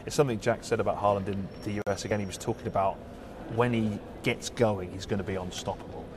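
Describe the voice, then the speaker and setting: A man's voice: lowish voice, steady tone, fast talker. A man working as a sports reporter, putting conversational questions in an interview. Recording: noisy location ambience.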